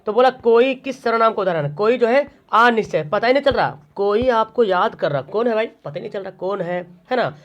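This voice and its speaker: A man's voice: high-pitched, lively intonation, a little fast, few pauses, a bit bright. A man teaching an online exam-prep grammar lesson, asking questions and answering them himself. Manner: drills by asking and answering his own questions. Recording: dull lo-fi recording.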